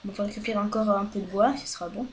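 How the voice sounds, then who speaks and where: A woman's voice: mid-range voice, steady tone, racing. A woman giving casual, rambling let's-play commentary into a headset microphone at home, chatting freely, swearing often and apologizing a lot. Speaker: gaming video host.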